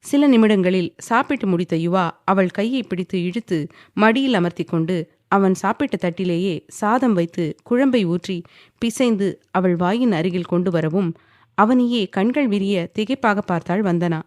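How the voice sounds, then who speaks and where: A woman storyteller reading a romance audio novel in steady scripted narration. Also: mid-range voice, moderate pace, dry recording, studio quality.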